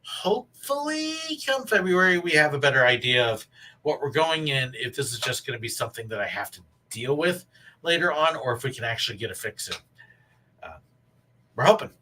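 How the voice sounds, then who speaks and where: Male livestream host, wheezy and winded, sharp raspy tone, casual halting chat, mic at a distance. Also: medium pitch, very animated. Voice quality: wheezy, breathless. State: out of breath. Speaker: live stream host.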